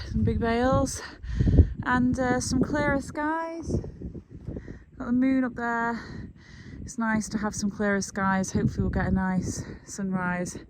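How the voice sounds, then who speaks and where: A woman farmer narrating a casual outdoor vlog on a frosty morning, soft-spoken and reflective, a little out of breath. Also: a little high, noisy background. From England. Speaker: farmer and vlogger.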